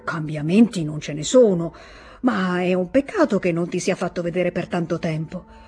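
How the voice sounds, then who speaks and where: A woman's voice: fairly low pitch, animated, moderate pace, darkish tone, lightly acted. Woman voicing jovial middle-aged man, hearty, audiobook, faint music.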